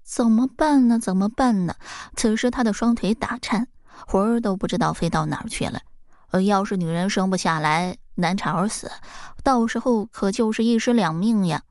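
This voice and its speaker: A woman reading a folk tale aloud in an expressive storybook narration. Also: mid-range voice, normal speed, dry recording, clean studio sound.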